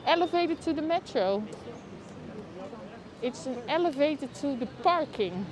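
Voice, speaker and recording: Her voice sits high with lively intonation as a Dutch-accented woman hosts a live walking tour on city streets at a moderate pace. Chatting with viewers by name, she reacts aloud to what she passes. The lapel mic records street and crowd noise behind her.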